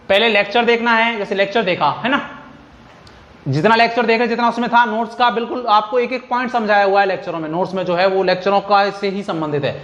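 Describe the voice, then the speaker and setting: Male chemistry teacher, high voice, quizzing lecture style; roomy, muffled recording. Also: a bit bright. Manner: repetitive, quizzing students with questions. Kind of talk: classroom lecture.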